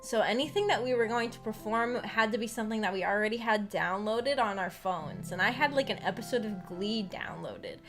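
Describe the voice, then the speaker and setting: Speaking briskly with hardly any pauses, a woman streamer hosting a visual novel book club chats casually and shares personal anecdotes, giggly and self-deprecating. Her mid-range voice is a bit bright, with background music playing.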